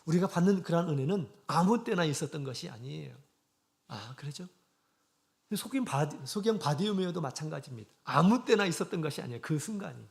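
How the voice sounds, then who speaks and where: A man preaching a sermon as the church's shepherd, speaking earnestly with many drawn-out pauses and fillers, and leading slow unison scripture readings. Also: fairly high pitch, expressive, vocal fry. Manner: frequent drawn-out fillers between phrases.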